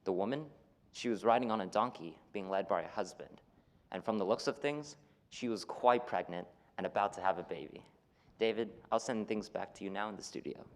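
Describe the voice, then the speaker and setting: A man's voice: lowish voice, fairly quick, close to an everyday voice. A man playing an observant field reporter in a nativity play, giving a matter-of-fact, descriptive breaking news report. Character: observant male field reporter in ancient Bethlehem.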